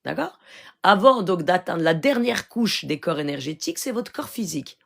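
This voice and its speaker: Gravelly woman healer. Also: fairly low pitch, sing-song, moderate pace. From Morocco. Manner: earnest and instructive, keeps checking in with "d'accord?". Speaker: spiritual healer hosting a live stream. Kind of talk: casual live-stream talk with religious teaching.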